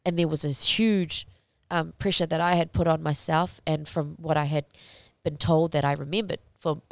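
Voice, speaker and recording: A young woman, a fighter appearing as an interview guest, speaks candidly in a fairly low voice with noticeable vocal fry and fairly even intonation. She talks haltingly, reflecting and often pausing to find the right words, and the sound is close and dry.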